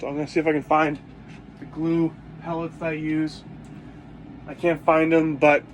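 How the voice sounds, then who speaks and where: A man with a sore throat talks quietly through a casual vlog, his voice sitting a bit high for a man. He rambles, restarts and hunts for words as he goes. A faint hum of background noise sits under him. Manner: rambling, searches for words with many fillers. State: sore throat, talking low. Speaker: cosplay vlogger.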